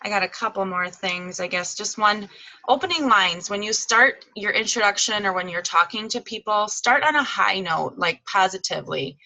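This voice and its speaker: A woman's voice: mid-range voice, normal speed, sharp tone, no echo, poor audio. A woman giving a chatty, casual recap on a video call, with plenty of "um" and "like" fillers. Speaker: guest speaker. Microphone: video call microphone.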